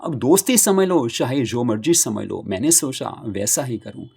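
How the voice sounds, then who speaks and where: A man's voice: mid-range voice, animated, moderate pace, creaky, a little mellow, slightly rough. A man voicing a cheerful yet lonely middle-aged mother who talks in an easygoing, reassuring way. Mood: fond.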